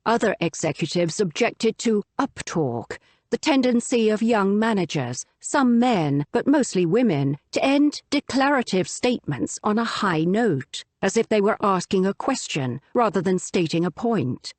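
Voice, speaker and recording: A woman reading a nonfiction audiobook aloud in a measured, articulate scripted narration. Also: mid-range voice, lively intonation, no echo.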